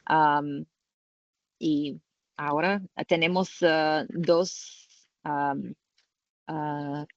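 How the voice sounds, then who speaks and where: A woman presents informally in halting, unhurried and searching for each word. She is an English speaker. The sound is dry and a little dull, like an online call. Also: deep voice, fairly even intonation, no echo. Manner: halting non-native Spanish, searching for words. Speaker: co-presenter at a patient-family webinar. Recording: roomless, band-limited online call audio.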